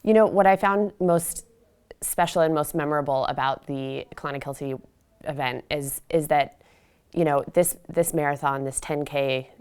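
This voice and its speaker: Brief: woman runner being interviewed, low register, smooth clear tone, sincere. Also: darkish tone. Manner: earnest and reflective. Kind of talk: casual recollection in an interview.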